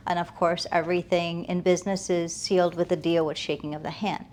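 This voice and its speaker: This interview guest, a realtor from the United States who moved from Afghanistan as a toddler, gives earnest, reflective answers conversationally and builds emphasis with short listed phrases. Her voice is fairly low and darkish, with little pitch movement, a little fast, plus a little hiss or hum.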